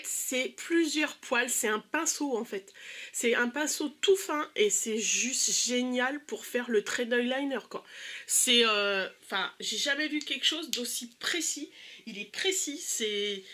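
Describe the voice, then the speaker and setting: A woman's voice: sits high, bright, forceful tone. A young woman with a stuffy nose, chatting casually and eagerly through a makeup haul with many hesitations. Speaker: beauty vlogger.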